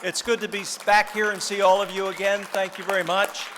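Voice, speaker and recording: Sales guy presenting to a crowd, higher voice, big echoey hall, people in the background. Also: flat delivery, brisk, over music. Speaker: company sales director presenting an auction item. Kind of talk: short informal product presentation to an audience. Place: large banquet hall at a dinner event.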